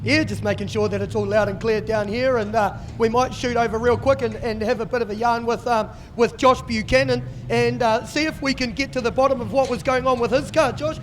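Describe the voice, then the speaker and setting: High-pitched man with a broad Kiwi accent. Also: fairly even intonation, brisk, few pauses. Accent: broad New Zealand. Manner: informal, matey. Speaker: pit reporter at a speedway. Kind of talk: casual live interviewing and reporting. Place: outdoors in a speedway pit area. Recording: noisy outdoor trackside pit area.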